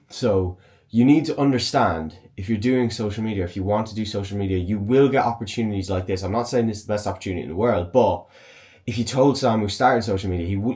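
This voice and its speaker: A man's voice: fairly low pitch, darkish tone, no echo, studio quality. A man, talking casually and upbeat to camera as a fitness vlogger, in informal slangy language. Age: 20s. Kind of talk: casual vlog talk to camera. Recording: clear background noise, vehicle and outdoor ambience.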